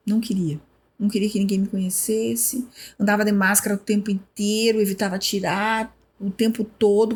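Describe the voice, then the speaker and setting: A woman, a former health official, telling animated stories in a podcast interview and acting out remembered conversations. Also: medium pitch. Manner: animated storyteller who acts out remembered dialogue. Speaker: guest, former municipal health secretary.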